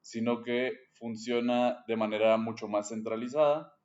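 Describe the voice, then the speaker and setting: A man from Guatemala hosting a casual podcast, speaking in a relaxed, hesitant way and often tagging phrases with "¿no?". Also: medium pitch, normal speed, dull audio. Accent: Guatemalan Spanish. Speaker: podcast host.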